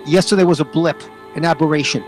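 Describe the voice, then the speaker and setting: A man with a thick Brooklyn accent and a high-pitched voice talks sports as a radio host. His delivery is emphatic and punchy, repeating short phrases, with music behind him. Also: fast talker, a little mellow. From New York, USA. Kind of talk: animated, bantering sports talk.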